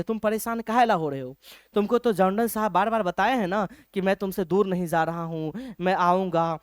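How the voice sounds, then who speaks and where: A male teacher gives a lecture in a lively, conversational way. He keeps checking whether his listeners follow and slows right down to read lines of verse. The sound is dry and close. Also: sits high, dry recording. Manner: lively, keeps asking if things are clear; reads English verse slowly. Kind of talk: classroom-style lecture.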